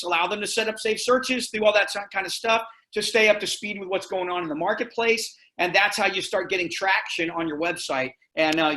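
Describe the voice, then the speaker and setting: A man presenting a sales webinar, talking in a direct, energetic and persuasive way. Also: high-pitched. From Florida, US.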